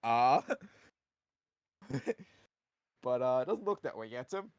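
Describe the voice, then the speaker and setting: A man's voice: mid-range voice, sing-song, slow, darkish tone, smooth, no echo. A man chatting casually as a player in a tabletop role-playing game, with a dry, joking manner. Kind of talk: casual improvised role-play chat.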